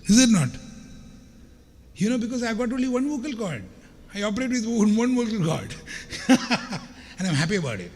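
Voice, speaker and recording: A middle-aged man from India with a scratchy yet slightly mellow voice delivers a motivational keynote, chatty and joking, full of anecdotes and directed at the audience. His voice is high and very animated, at a moderate pace with long pauses, recorded with long hall reverb and faint background noise.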